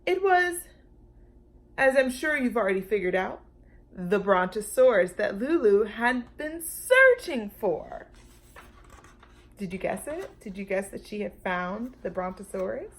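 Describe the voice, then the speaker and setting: A woman with a mid-range voice reads a children's storybook aloud at a measured pace, like a storytime teacher. She is expressive and addresses her young listeners directly.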